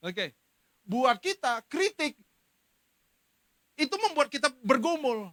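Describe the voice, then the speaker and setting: Lively high-voiced middle-aged man preaching. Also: no room sound. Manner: animated storytelling, acting out quoted speech. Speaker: pastor. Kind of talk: sermon.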